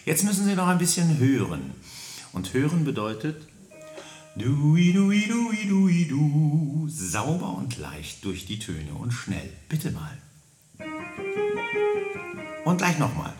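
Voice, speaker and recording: A man leading a singing warm-up lesson, coaching listeners and demonstrating syllables and vowels in a high falsetto. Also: wildly swooping pitch, a little slow, pauses often, roomy sound, music in the background. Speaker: singing teacher.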